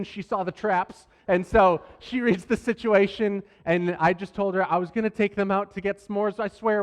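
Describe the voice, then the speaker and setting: A man in his thirties, a pastor, telling a family story from the pulpit with lively, self-deprecating humor. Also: high-pitched. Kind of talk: sermon storytelling. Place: church sanctuary. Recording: long church hall reverb.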